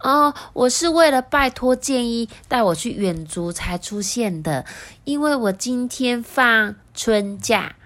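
A woman voicing a polite, formal, proud talking leather schoolbag in a storybook, speaking slowly and courteously. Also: fairly high pitch, lively intonation, a bit bright, voice pushed up. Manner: slow, very courteous.

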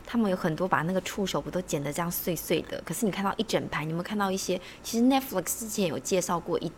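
Lower-voiced woman podcast host. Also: racing, slight background noise. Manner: curious questioner, playful asides. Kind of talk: casual podcast chat.

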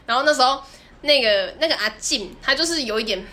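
Quick, bright-voiced woman telling a story. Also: high-pitched. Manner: animated, laughing, acts out quoted people. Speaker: podcast co-host. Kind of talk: casual storytelling chat.

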